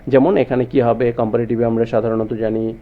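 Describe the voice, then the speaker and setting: A man explains grammar rules as a teacher, steadily putting rhetorical questions to his students. His voice sits at an ordinary middle pitch. The recording sounds slightly dull and lo-fi. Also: level tone, brisk. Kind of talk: explanatory lesson.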